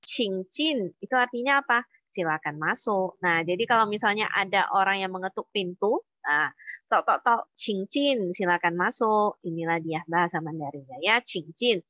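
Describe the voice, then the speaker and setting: A woman's voice: medium pitch, lively intonation, moderate pace, bright, forceful tone, dry recording, muffled recording. A woman teaching a Mandarin lesson online, explaining words step by step with patient fillers.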